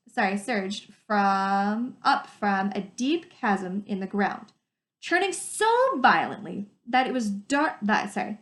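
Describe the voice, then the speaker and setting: A female teacher with a very bright, slightly high voice reads a storybook aloud to her pupils, adding her own asides. She's animated and emphatic, stretching out the descriptive words, and the room has a noticeable echo.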